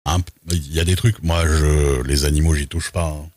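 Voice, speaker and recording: A man's voice: fairly even intonation, normal speed, darkish tone, no echo, studio quality. A man streaming a role-play game, chatting casually and reading server rules aloud with loose asides, in a voice he calls unusual. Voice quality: unusual, very deep voice. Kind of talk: casual livestream chat while role-playing.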